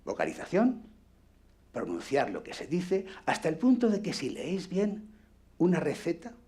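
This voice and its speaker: A man's voice: a little high, dark tone, slightly rough. A man with a Peninsular Spanish accent teaching a radio acting workshop, blunt and foul-mouthed, demonstrating as he talks. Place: workshop room with microphone.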